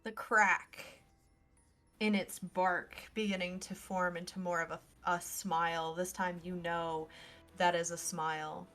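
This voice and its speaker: A woman narrating a tabletop role-playing game as game master, in halting, suspenseful storytelling. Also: fairly low pitch, level tone, fairly bright tone. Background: faint music.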